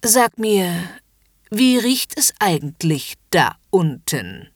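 A woman's voice: fairly low pitch, big pitch swings, slow pace, slightly rough, dry recording, studio quality, heavily acted. A woman voicing a haughty, domineering upper-class lady in a commanding, mocking whispered role-play.

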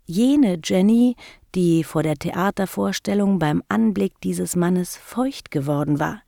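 Female narrator for a first-person story: low voice with gravel, intimate and measured. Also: dark tone, no echo, studio quality. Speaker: audiobook narrator.

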